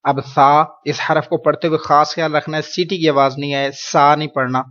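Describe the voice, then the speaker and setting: A man teaching a Quran reading lesson, patiently explaining rules and slowly drawing out each syllable for learners to repeat. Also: a little high, little pitch movement, a bit bright, highs cut off. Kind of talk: recorded spoken lesson.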